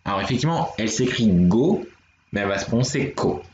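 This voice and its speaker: A man's voice: medium pitch, racing. A man teaching Korean letters on a live stream, explaining step by step and talking to his viewers. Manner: patient, explanatory, talks to chat viewers. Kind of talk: live-streamed language lesson. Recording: dull, roomy home stream audio.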